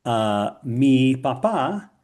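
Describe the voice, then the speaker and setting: On a relaxed podcast, a man who co-hosts and studies Spanish talks in a very animated, medium-pitched voice with a darkish tone. His Mexican-influenced accent accompanies a slow, halting delivery full of fillers as he hunts for words.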